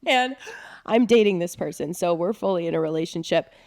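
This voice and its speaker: A woman's voice: on the low side, animated, fairly quick, darkish tone. A young woman co-hosting a casual chat podcast, with wry, joking remarks and easy storytelling. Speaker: podcast co-host.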